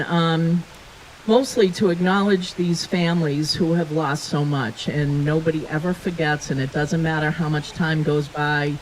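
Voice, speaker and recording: A woman's voice: low voice, rough recording. A woman making brief, sincere public remarks at a ceremony as a local official. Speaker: school committee member. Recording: faint hiss.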